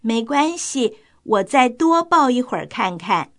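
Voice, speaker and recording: A woman's voice: fairly high pitch, big pitch swings, measured pace. A woman voicing a kindly, patient mother duck in a children's storybook, caring and reassuring toward her ducklings.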